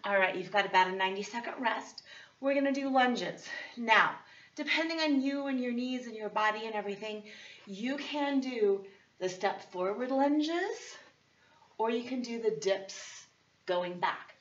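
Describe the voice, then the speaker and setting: A woman leading instructional workout talk as a fitness coach, chatty and encouraging, with a hoarse voice that is partly lost. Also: fairly high pitch, unhurried, fairly bright tone, far from the mic. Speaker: fitness instructor and program host. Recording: dull, lo-fi sound.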